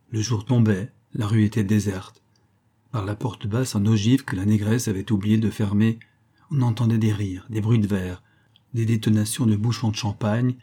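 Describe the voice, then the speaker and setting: A man narrating a classic novel in a measured, expressive reading. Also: lowish voice, breathy edge. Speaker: audiobook narrator.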